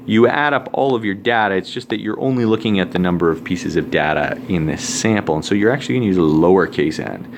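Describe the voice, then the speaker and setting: A man's voice: sits low, fast, few pauses, slight background noise. A man teaching a recorded math lesson, talking casually with joking asides while he writes out formulas.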